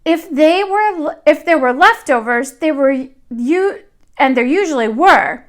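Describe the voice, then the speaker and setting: A woman with a voice that sits high reads a picture book aloud to young children, sounding like a teacher at storytime. She is expressive and deliberate with each phrase.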